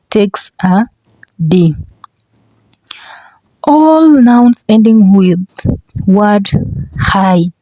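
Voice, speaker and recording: Slow-paced woman teaching a language lesson. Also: medium pitch, warm tone, no room sound, low-quality recording. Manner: instructional, repeats example words, often checks with "okay?". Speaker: teacher, video host. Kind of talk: language lesson for online video.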